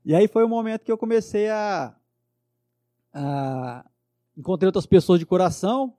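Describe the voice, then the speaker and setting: A man speaks in a notably high but soft, mellow voice. He tells a personal story with earnest fervor, often checking in with little tag questions. The sound is close and dry, with no room echo. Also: expressive, moderate pace. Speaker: guest. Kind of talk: personal testimony in conversation.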